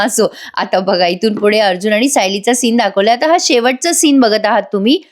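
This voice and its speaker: A woman's voice: medium pitch, animated, normal speed. A woman hosting a voice-over review, recapping a TV serial and chatting to viewers with wry asides. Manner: chatty, addresses viewers, comments wryly.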